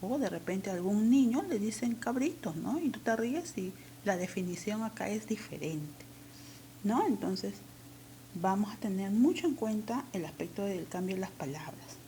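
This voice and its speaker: A woman's voice: medium pitch, lively intonation, moderate pace, mellow, slight background noise. A woman teacher with a Peruvian accent, patiently explaining a language lesson step by step. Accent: Peruvian Spanish.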